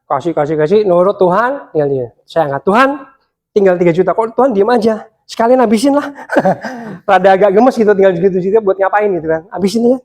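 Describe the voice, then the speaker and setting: A man preaching to young people, telling a personal story with lively swings between excited and hushed delivery. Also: high-pitched, fast talker. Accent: Indonesian.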